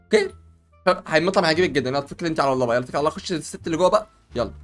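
A man with an Egyptian accent, playing a barber in a comedic game role-play, joking and stammering in quick repeats. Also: on the high side, lively intonation, soft background music.

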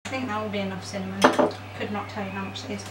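Speaking rapid-fire in a medium-pitched, flat voice, a young adult home baking vlogger runs through an informal, self-deprecating demonstration indoors in her small kitchen. She's captured by a camera mic a metre or two off, giving a roomy, distant sound with a noisy background.

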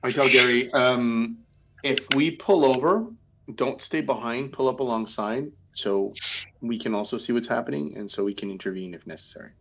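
A man playing a tabletop game, giving deliberate instructions. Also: mid-range voice, a bit bright, lo-fi sound, slight background noise. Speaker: player.

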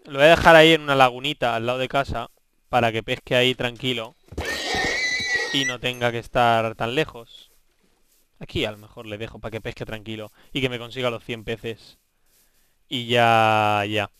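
Young man, Spain Spanish accent, let's play host; clear, bright voice; excitable, swears freely. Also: mid-range voice, moderate pace, no room sound. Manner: excitable, swearing, bantering with game characters. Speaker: gaming video host.

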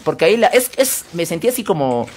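Excitable Peruvian man streaming a game. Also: on the high side, a little fast. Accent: Peruvian Spanish. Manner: excitable, swears, yells at teammates. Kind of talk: casual live-stream chat while playing.

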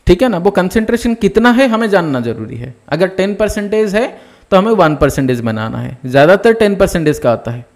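A man's voice: high-pitched, sing-song, a little fast, a little mellow. A man teaching a nursing exam class in a live online lecture, explaining step by step and often checking that students follow.

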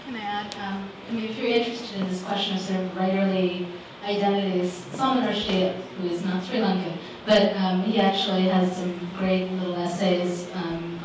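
A woman author in her forties answering audience questions on a panel, thoughtful with many fillers. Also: fairly low pitch. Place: living room with small audience. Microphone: handheld microphone. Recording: roomy sound from far camera, background noise.

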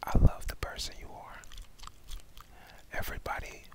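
A young adult man whispers a reassuring ASMR pep talk of affirmations straight to the listener, close on a headset microphone. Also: moderate pace. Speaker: ASMR host. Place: indoors, small room at home. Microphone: headset microphone close to the mouth.

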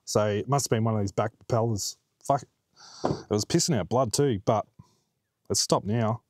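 A man's voice: fairly low pitch, normal speed, darkish tone, dry recording. A middle-aged man with an Australian accent, chatting casually for his outdoor vlog, laid-back, laughing often and swearing now and then. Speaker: vlogger. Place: outdoors by a quiet plantation road.

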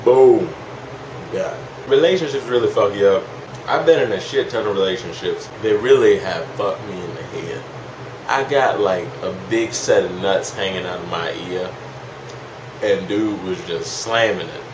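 A man's voice: on the low side, normal speed. Drunk-ish guy in his early 20s rambling to camera, lots of swearing, echoey room with noisy hiss. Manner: heavily profane, slangy. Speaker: vlogger. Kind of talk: casual rambling confessional chat. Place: small indoor room at home.

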